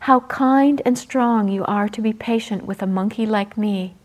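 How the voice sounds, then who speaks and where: A woman voicing a mischievous male monkey who speaks softly and humbly in a storybook. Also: mid-range voice, moderate pace, natural voice. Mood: remorseful.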